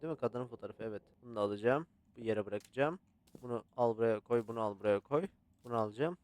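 A man casually commentating a horror photography game, swearing and yelling at scares between calm muttering. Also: mid-range voice, fast. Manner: swears and yells at jump scares, chatty with the game. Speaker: gaming channel host. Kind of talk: casual let's-play commentary.

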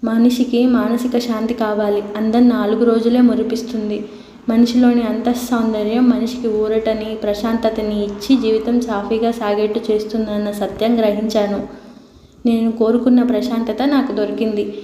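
A wry, bitter middle-aged husband in an audiobook story, voiced by a woman reader. He speaks in an even, level line with little rise and fall. His remarks come out sardonic and self-deprecating. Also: a little high, moderate pace, close to an everyday voice.

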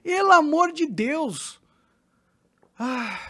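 A woman's voice: high voice, very animated, drawn-out words, pushed and bright. A Brazilian woman commentating with heavy sarcasm, exasperated and swearing often. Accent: Brazilian Portuguese. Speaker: podcast commentator.

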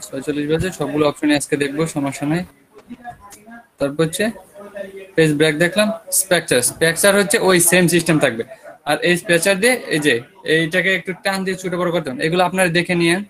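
Quick talking bangladeshi guy teaching web design online, kinda high voice, a little sore throat. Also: fairly even intonation, a bit bright, rough recording. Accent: Bangladeshi Bengali. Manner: casual, talks students through screen steps with checking questions. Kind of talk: online class lecture.

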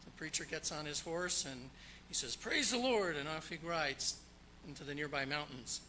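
Brief: male preacher in a church, very bright and forceful tone, slightly high, joking storyteller. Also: fairly even intonation, normal speed, a little hiss or hum, poor audio. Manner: jokey, storytelling, then explanatory. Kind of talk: sermon with jokes. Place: church sanctuary.

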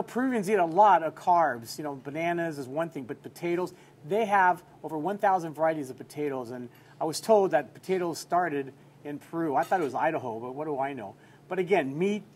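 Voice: mid-range voice, darkish tone. A food show host narrating a restaurant review as a voice-over in an enthusiastic, folksy way, who keeps calling dishes delicious.

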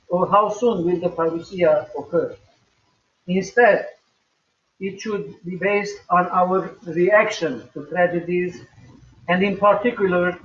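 An older man preaching a recorded sermon at home in a slow, measured way with emphatic rises. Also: high voice. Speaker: pastor. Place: small home room, indoors. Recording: echoey, distant, dull webcam audio.

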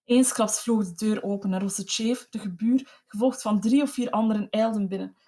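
Mellow-voiced woman reading a classic story. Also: mid-range voice, normal speed. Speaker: narrator. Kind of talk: audiobook reading of classic literature.

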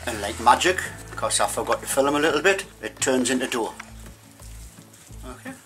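A man's voice: medium pitch, lively intonation, moderate pace, a bit bright. A middle-aged man cooking in a home kitchen with his daughter, chatty and joking as he explains each step. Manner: jokey, chatty, explaining as he cooks. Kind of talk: casual kitchen chat. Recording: background music under voice.

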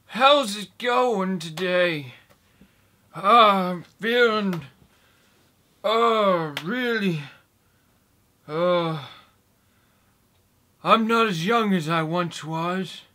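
A twenty-year-old man rambling in a comic vlog, talking slowly and haltingly with long pauses, as if doddering, in a small room at a desk microphone. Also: high voice, sharp tone, slight background noise. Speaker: YouTuber. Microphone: desk microphone in front.

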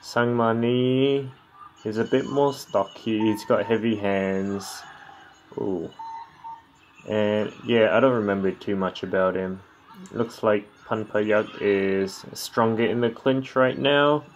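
A man's voice: on the low side, steady tone, takes it slowly. A man giving casual, laid-back reaction commentary on a Muay Thai fight in sparse remarks and short interjections, over background noise. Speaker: fight commentary video creator.

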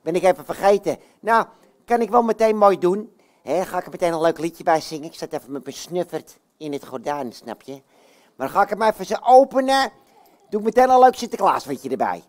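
A puppeteer voicing a boastful, cheerful male puppet hero who exclaims loudly and talks straight to the children. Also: medium pitch, expressive, brisk, natural voice. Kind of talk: puppet show. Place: bookshop, indoors.

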